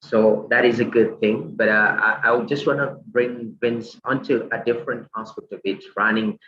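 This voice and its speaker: A man's voice: mid-range voice, fairly even intonation, normal speed, sharp tone. A man moderating an online panel, talking politely with many hesitant fillers over a video call. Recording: roomy, muffled video-call audio with faint noise.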